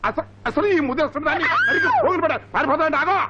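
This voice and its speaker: A man's voice: high-pitched, rapid-fire, heavy background noise, lightly acted. Actor playing a ranting village father. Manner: shouting, ranting. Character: loud indignant middle-aged village father, comic. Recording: dull old film soundtrack.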